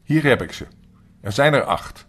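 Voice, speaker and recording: A man's voice: medium pitch, expressive, normal speed, a bit bright, voice pushed up. An older man voicing a brave, loyal young boy who leads his friends, in a storybook reading. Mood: confident. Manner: commanding, urgent calls.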